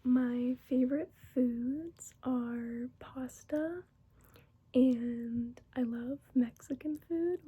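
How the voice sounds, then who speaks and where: Twenties woman, slow breathy close-mic ASMR whisper, mellow and a bit lo-fi. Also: high-pitched, steady tone. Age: 20s. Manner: whispered, unhurried and giggly. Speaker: ASMR creator. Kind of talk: soft-spoken ASMR chat.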